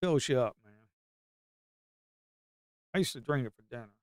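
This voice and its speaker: In a mid-range voice with lively intonation and moderate pace, a middle-aged Blue Ridge Mountains man with a Southern Appalachian accent tells rambling stories on a trading stream. His casual chat is folksy and crude, broken by sudden hollers. The studio-quality audio carries no echo.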